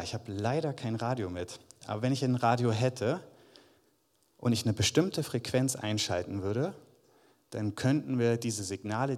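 The preacher here is a man with a fairly low, darkish voice. He addresses his congregation in a conversational sermon, reading Bible verses aloud, and the church hall gives the sound a long reverb.

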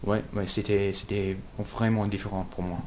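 Un homme venu d'Angleterre, de langue maternelle anglaise, qui répond en interview d'un ton hésitant en cherchant ses mots. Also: male voice, lowish voice, little pitch movement, a little mellow, slight background noise. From England. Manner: halting, searching for words. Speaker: guest. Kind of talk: interview answers.

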